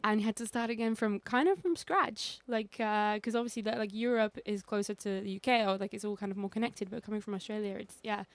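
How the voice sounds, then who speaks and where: A woman hosts a live radio show from a studio at an ordinary middle pitch. She talks in a loose, friendly way, restarting phrases and filling gaps with likes and ums. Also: fast, few pauses, no room sound. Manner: chatty, full of fillers and restarts. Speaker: radio host. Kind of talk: casual radio interview.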